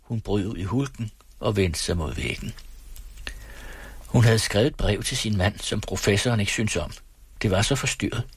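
A man narrating a novel as an audiobook in a steady, measured reading. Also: on the low side, breathy edge, no echo.

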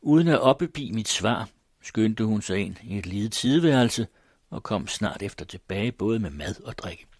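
A man narrating a classic literary story aloud in a measured, solemn manner. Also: lowish voice, dry recording, clean studio sound. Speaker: audiobook narrator.

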